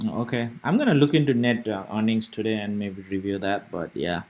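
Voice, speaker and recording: A young stock trading streamer from Nepal, with a fairly low voice, gives casual live market commentary as he goes over stock charts. He thinks out loud and drifts from point to point, restarting sentences and filling pauses with plenty of fillers.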